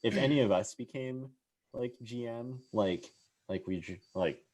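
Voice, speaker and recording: A man's voice: medium pitch, unhurried, a little mellow. A young man hosting a casual sports podcast, rambling with lots of fillers and restarts. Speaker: podcast host.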